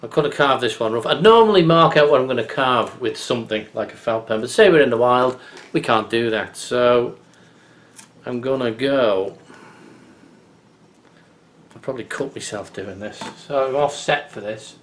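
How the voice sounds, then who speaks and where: Recorded on a desk webcam in his home office, this bushcraft channel host, a man in his fifties, offers an easygoing tip, chatty and folksy, muttering over his carving. His medium-pitched voice is slightly bright and moves at a normal speed.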